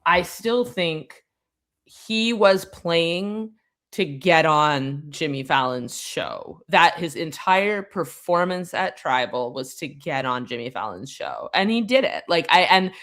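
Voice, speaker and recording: A woman's voice: sits low, lively intonation, slow, a bit bright. A woman talks as a podcast guest in loose, casual chat. She is wry and tongue-in-cheek, and she starts and restarts her sentences with plenty of ums and likes. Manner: chatty, lots of fillers and restarts.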